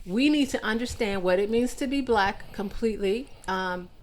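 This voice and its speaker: A middle-aged woman with a mid-pitched voice, co-hosting a casual podcast. She talks emphatically and with strong opinions. She laughs often between points. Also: normal speed. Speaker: podcast co-host.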